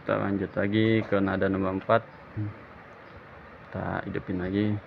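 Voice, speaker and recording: Guy demoing horn tones, deep voice, lots of loud noise behind. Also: little pitch movement, vocal fry, dull audio. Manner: plain, unhurried, announcing each tone. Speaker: shop seller demoing horns. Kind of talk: casual product demo.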